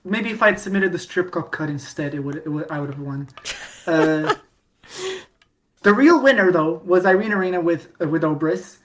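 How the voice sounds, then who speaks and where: Casual fandom talk comes from a podcast co-host whose fairly low, animated voice moves at a normal pace over a little hiss or hum. She rambles, restarts often, uses lots of fillers, and laughs a lot.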